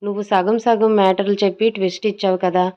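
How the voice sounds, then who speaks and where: A woman voicing an excitable, teasing young man, a best friend, in a dull lo-fi audio story recording. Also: medium pitch, quick pace, close to an everyday voice. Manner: loud and teasing.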